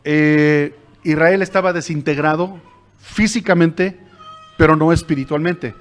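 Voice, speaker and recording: A Mexican man leads a Bible study as pastor, his voice sitting high for a man. He teaches animatedly, slipping into casual slang and acting out the scenes he explains. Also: measured pace, faint music behind. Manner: animated, uses colloquial slang, acts out quotes.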